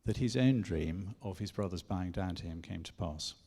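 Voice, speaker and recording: A man from England teaches at a church conference in a relaxed, rambling way, full of asides and jokes at his own expense. His voice is low and gravelly, and a long hall reverb trails after his words. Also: moderate pace. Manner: chatty, self-deprecating, full of asides. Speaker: conference speaker.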